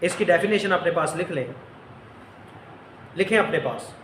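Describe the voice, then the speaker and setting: A man teaching a Bible lesson, slowly repeating phrases so his students can write them down. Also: high-pitched, fairly bright tone, a little hiss or hum. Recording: echoey room.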